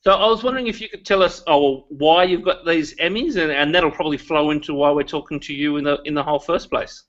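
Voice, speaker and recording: A man with a fairly high voice hosts a live interview in a casual style. He feels his way through questions, rephrasing as he goes, and the audio is slightly dull. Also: fast talker, fairly bright tone. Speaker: host.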